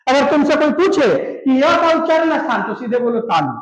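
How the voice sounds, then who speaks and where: A man's voice: very high-pitched, lively intonation, brisk, roomy sound, lo-fi sound. A male teacher giving a classroom-style grammar lesson, asking questions and answering them himself. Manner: quizzes students with repeated questions and answers.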